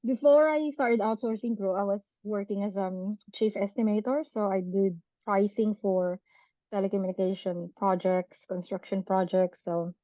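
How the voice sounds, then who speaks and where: Chatty woman, warm dull audio. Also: mid-range voice, moderate pace, no echo. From Philippines. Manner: chatty and animated, laughs often, tag questions. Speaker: podcast guest, business owner. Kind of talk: casual interview chat.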